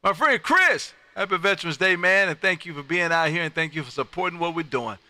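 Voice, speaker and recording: Really bright high-ish guy doing ham radio calls, hearty and friendly, close dry mic. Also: lively intonation, fairly quick, dry recording. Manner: hearty, friendly, punchy sign-offs. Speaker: amateur radio operator running contacts. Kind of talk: ham radio calling and chat.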